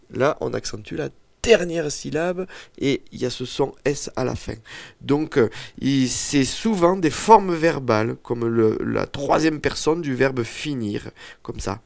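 A man teaching an Occitan lesson, explaining words slowly with hesitant fillers. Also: medium pitch, creaky, no echo. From southern France. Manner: slow, hesitant, many fillers.

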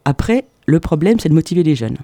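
A man's voice: fairly high pitch, very animated, brisk, mellow, no echo. A man from southern France delivering a mock-serious, ironic radio comedy chronicle full of rambling asides, into a studio microphone. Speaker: radio columnist.

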